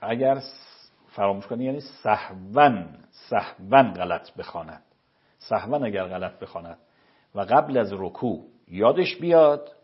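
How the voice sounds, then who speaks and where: Husky-voiced man explaining religious rulings. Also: lowish voice, expressive, lo-fi sound. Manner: measured, explanatory, quotes scripture. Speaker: cleric answering religious questions.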